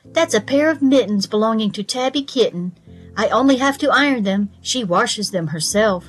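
A woman's voice: on the high side, expressive, moderate pace, husky, faint music behind. A woman voicing a stout little hedgehog washerwoman from a children's storybook, anxious and deferential, with servile, rustic politeness. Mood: busy, obliging. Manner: bobbing, servile politeness with rustic turns of phrase.

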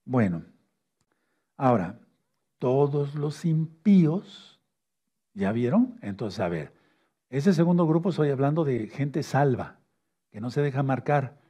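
Man preaching, husky dark voice, keeps asking "¿sí?", drags out key words. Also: medium pitch, expressive. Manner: asks "¿sí?" and "¿de acuerdo?" often, repeats key words slowly. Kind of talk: sermon teaching with a whiteboard.

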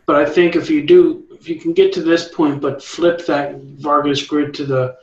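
A man's voice: on the high side, steady tone, normal speed, darkish tone, reverberant, highs cut off. A man leading an art meetup, giving encouraging critique and often restarting his sentences. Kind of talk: art critique, casual coaching.

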